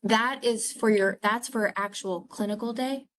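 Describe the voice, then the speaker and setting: A woman's voice: on the high side, unhurried, poor audio. A woman teaching a nursing class online, chatting expressively with her students over a video call. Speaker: nursing clinical instructor. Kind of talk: casual chat before an online class.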